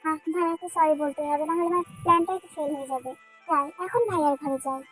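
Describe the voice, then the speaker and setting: A woman's voice: high-pitched, steady tone, fairly bright tone, faint music behind, voice pushed down, rough recording. A woman voicing a sulky, hot-tempered teenage girl in love who takes offence easily, in a dubbed fan drama. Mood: pleading. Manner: pouting, quick to take offence.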